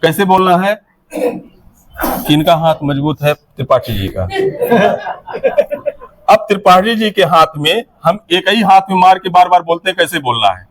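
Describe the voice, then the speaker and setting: A man's voice: sits high, measured pace, long pauses. A man leading teachers through a classroom activity, giving step-by-step directions to a group in a hall. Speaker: teacher trainer.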